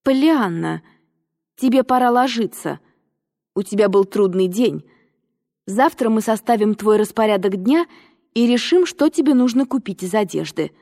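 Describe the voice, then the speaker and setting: A woman's voice: mid-range voice, a little mellow. A woman voicing a stern, cold middle-aged aunt who speaks in a dry, clipped, commanding way. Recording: long reverb.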